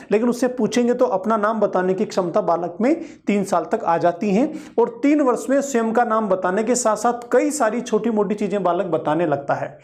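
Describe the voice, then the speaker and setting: A male teacher giving an exam-prep lecture, explaining each point and repeating it with everyday examples. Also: sits high.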